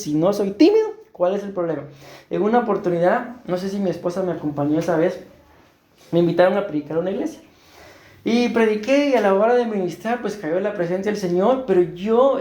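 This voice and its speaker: A man's voice: sits high, dark tone. A middle-aged man with a Costa Rican accent, preaching a sermon as pastor and earnestly asking his congregation rhetorical questions. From Costa Rica. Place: church hall. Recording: roomy church echo.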